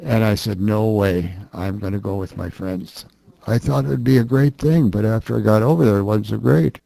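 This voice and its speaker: Mellow, creaky old American veteran, close-miked. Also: male voice, lowish voice, normal speed, no echo. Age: older, 80s. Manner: plain-spoken, candid. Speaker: war veteran. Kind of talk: casual interview recollection.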